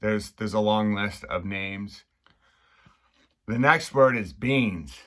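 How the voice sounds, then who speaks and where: A man from Maine with a Maine accent, casually explaining local slang in a halting, rambling way, repeating and restarting phrases. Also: on the low side, fairly bright tone. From Maine, United States. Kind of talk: casual unscripted explainer chat.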